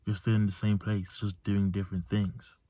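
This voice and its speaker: A mellow, lowish male voice with little pitch movement and no echo moves at a normal speed. The speaker is a young self-improvement vlogger in a car parked at night, giving an earnest, emphatic, reflective motivational monologue that repeats key phrases.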